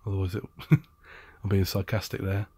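A man's voice: low-pitched, level tone, moderate pace, warm tone, husky, no room sound, studio quality. A man explaining appliance repair in a casual, chatty how-to style, blunt and jokey, with a sarcastic streak.

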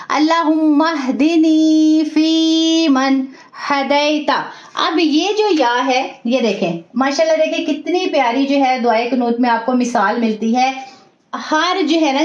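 A woman teaching Quran recitation rules, explaining each rule patiently, repeating it step by step and praising her students warmly. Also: sits high, reverberant, highs cut off. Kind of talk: tajweed lesson.

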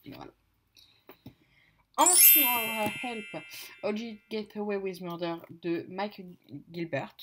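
A woman's voice: medium pitch, slow pace, pauses often, heavy background noise. A woman casually presenting her reading list, hesitant, with many fillers and self-corrections. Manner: apologetic about pronunciation. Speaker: book vlogger. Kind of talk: casual book haul chat.

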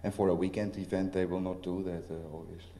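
With a deep, dark voice and a flat delivery, a visiting artist hesitates through a casual festival panel, full of fillers and restarts. The clip sounds like a roomy hall with faint noise.

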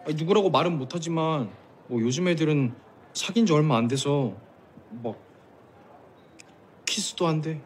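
A young man playing a lovestruck, whiny and excitable high school boy in a youthful TV drama, expressive and pleading. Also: moderate pace, pauses often, a little hiss or hum, close to an everyday voice. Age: young adult. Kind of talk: Korean television drama acting, youthful comedy.

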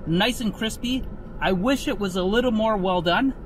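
A man's voice: high-pitched, moderate pace, noisy background. A man reviewing food in a casual vlog, talking with his mouth full of food and chewing as he muses aloud. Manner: chewing while commenting, musing aloud. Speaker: food vlogger.

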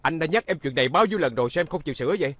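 A man's voice: a little high, racing, no room sound. An actor playing an easygoing young journalist who teases his fiancée but turns firm. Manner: teasing, relaxed, firm when crossed. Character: easygoing, joking young man, protective of sister.

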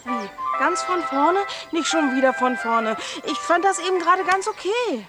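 A woman's voice: sits high, expressive, normal speed. A woman acting a bossy, impatient girl who plays a princess in a radio drama. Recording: music playing behind.

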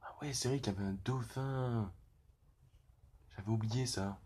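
A young man giving casual, excitable let's-play commentary, full of slang and outbursts at the game. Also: mid-range voice, moderate pace, husky. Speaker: gaming youtuber.

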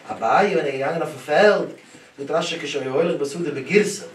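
A man giving a Talmud lesson, animated, his voice rising and dropping sharply as he tells the stories. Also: on the high side, very fast. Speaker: Talmud teacher. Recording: echoey room, voice from a distance, clear background noise.

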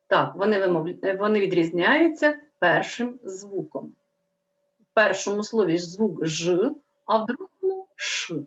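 A woman teacher giving a lesson to young children, pronouncing each sound slowly and carefully. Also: medium pitch, dull audio. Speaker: primary school teacher.

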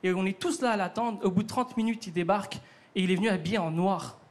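This stand-up comedian talks fast in a high voice, carrying a North African French accent as he chats directly with a theater audience.

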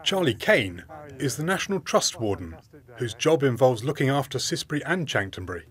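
A man's voice: medium pitch, big pitch swings, a little fast. Enthusiastic male documentary presenter. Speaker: landscape archaeologist presenter. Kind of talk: documentary narration and interviews. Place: outdoors on open downland.

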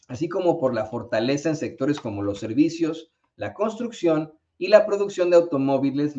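A man's voice: medium pitch, a little mellow, lo-fi sound. A man with a Mexican Spanish accent hosting an opinionated news commentary show, sarcastic and combative, swearing freely. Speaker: political commentary host.

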